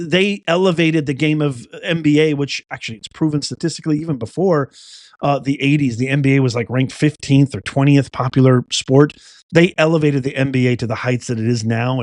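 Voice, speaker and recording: Middle-aged guy ranting about the news, kinda high voice, dry close sound, reads stuff out then jumps in with blunt takes. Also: dry recording. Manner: animated, reading reports aloud with blunt asides. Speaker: host. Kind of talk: opinionated news commentary.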